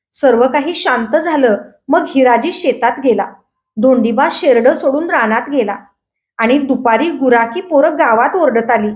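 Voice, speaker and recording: A woman with a Marathi accent reading a short story aloud, expressive and dramatic. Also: high-pitched. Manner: expressive, raises voice for characters' shouted lines. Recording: roomy echo.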